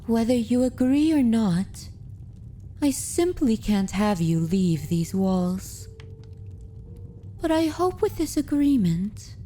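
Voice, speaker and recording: A woman voices a dominant, possessive yet tender vampire mistress in an ASMR roleplay, speaking softly and intimately with whispers. Her slightly high delivery is slow, deliberate, formal and courtly.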